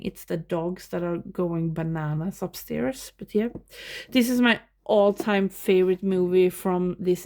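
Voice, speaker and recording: A Swedish woman with a lowish, darkish voice chats casually in English with a Swedish accent, showing off the movie shelves in her home. It's a relaxed show-and-tell vlog, and she laughs often between remarks.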